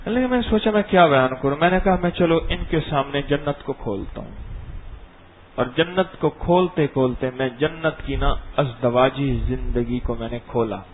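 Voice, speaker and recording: A middle-aged man giving a dawn religious lesson, telling stories and acting them out in an animated way. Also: mid-range voice, slight background noise, low-quality recording. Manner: animated, acts out scenes and voices. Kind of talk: storytelling sermon.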